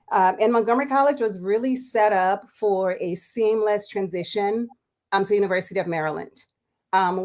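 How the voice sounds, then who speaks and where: A woman in her forties from Liberia, a physician telling her life story as a guest in a relaxed interview, chatty and quick to laugh. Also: mid-range voice. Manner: chatty, laughs often, many fillers.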